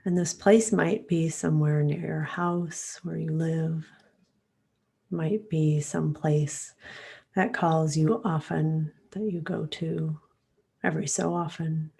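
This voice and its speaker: This guided meditation comes from a woman whose low-pitched voice is gravelly and slightly rough. Her delivery stays gentle, calm and unhurried, with long pauses and audible breaths as phrases end.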